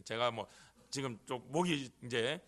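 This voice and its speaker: A man's voice: medium pitch, measured pace, fairly bright tone. A middle-aged man preaching an earnest sermon into a microphone in a church, rising to emphatic cries. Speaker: pastor. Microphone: handheld or stand microphone.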